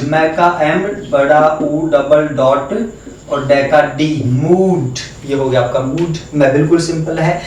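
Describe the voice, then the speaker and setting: A man teaching a phonetics lesson at a board, spelling out words letter by letter and repeating them slowly. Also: on the high side. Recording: echoey room, voice from far off.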